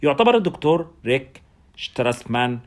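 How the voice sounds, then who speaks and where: A male narrator reads a first-person story at a fast clip. His pitch sits mid-range, and his telling stays brisk and wry throughout. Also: big pitch swings.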